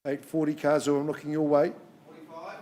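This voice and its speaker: A male auctioneer with a slightly high voice runs a live property auction. He calls bids in short, repeated numbers. Between the calls he drops in chatty patter to the bidders. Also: steady tone, normal speed, a little mellow. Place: in-room auction.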